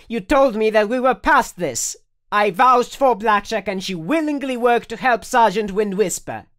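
A man voicing a young, earnest and proper female pony in an audiobook reading, in a high, swooping voice. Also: heavily acted. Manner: indignant, high and lively voice. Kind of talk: audiobook character voice.

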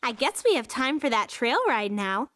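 A woman voicing a friendly, outspoken young girl in an animated cartoon, earnest and frank. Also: on the high side, moderate pace. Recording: music under the dialogue.

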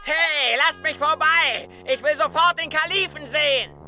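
A man voicing a pushy impostor who claims to be the caliph's heir in a cartoon dub, shouting and insistent. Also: very high-pitched, unhurried, a little hiss or hum, full character voice.

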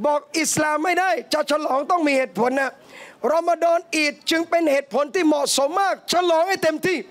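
A man from southern Thailand preaching a lively sermon to a live audience, telling animated stories and calling his listeners brothers and sisters. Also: extremely high pitch, a little fast. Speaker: Islamic preacher. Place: cafe hall, live talk.

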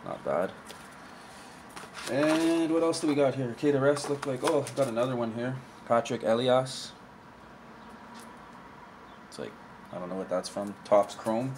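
Against a noisy background, a young man with a medium-pitched voice speaks at a measured pace, pausing often, as he casually shows off old collectible cards. He talks offhand into a table camera mic in a room at home with a shelf of collectibles, often trailing off.

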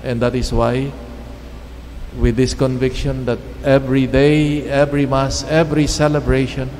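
A middle-aged man preaching a homily at Mass, speaking in measured, halting phrases with pauses, into a lectern microphone. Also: medium pitch, flat delivery, darkish tone, a little hiss or hum. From Philippines. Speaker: priest. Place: church chapel. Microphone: standing mic at lectern. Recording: long church reverb, faint ambience.

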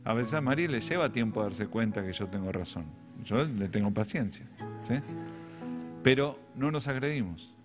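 Over music, a middle-aged pastor with a Rioplatense Spanish accent preaches a sermon, telling stories with self-deprecating humor. His voice is lowish and animated, at a moderate pace.

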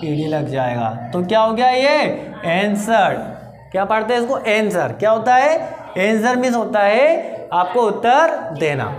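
Echoey teacher drilling a grammar lesson. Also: mid-range voice. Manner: asks rhetorical questions and answers them, repeating each answer slowly. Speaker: English teacher. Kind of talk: classroom-style grammar lesson. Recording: roomy echo with faint background noise.

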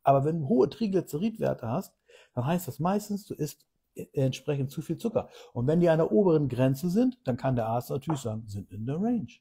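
A middle-aged man with a very dark, mellow voice and a husky edge, talking like a health coach in a relaxed vlog. He explains in a chatty way, stacks up rhetorical questions and repeats key words as he goes. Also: on the high side, a little fast. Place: on holiday.

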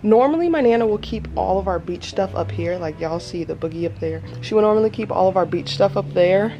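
A woman's voice: fairly low pitch, darkish tone, a little hiss or hum. A woman in her twenties chatting casually on a vlog, filmed on a handheld camera at arm's length, first indoors and then at the beach. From Los Angeles area, United States. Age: 20s. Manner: chatty and playful, swears casually. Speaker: vlogger. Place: house and garage, then an outdoor beach.

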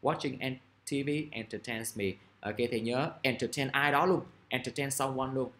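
A man's voice: mid-range voice, steady tone, normal speed, a bit bright. A male English teacher, explaining a vocabulary lesson patiently and repeating key words while checking in with his students.

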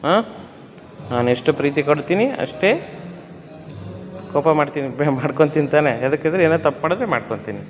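A man's voice: a little high, lively intonation, a little fast, long pauses. A man coaching his wife through a gym workout, giving short commands and counting reps. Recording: echoey gym hall with faint music.

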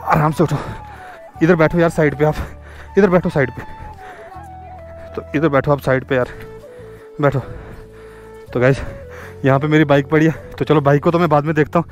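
A man's voice: a little high, steady tone, normal speed, long pauses, soft background music. A young man hosting a motorcycle vlog, chatting casually outdoors on a cold mountain road and keeps calling out to his viewers. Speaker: motovlogger host.

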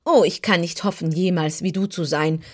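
A woman's voice: fairly low pitch, fairly even intonation, normal speed, lightly acted. A woman voicing a living wooden sawhorse that speaks earnestly and politely, in a storybook reading. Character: living wooden sawhorse, modest yet proud.

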